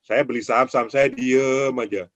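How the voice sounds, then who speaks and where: A man hosting a casual chat about trading, animated, often acting out other traders' quoted words in raised voices. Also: medium pitch, moderate pace, no room sound, dull audio. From Indonesia. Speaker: trading show host.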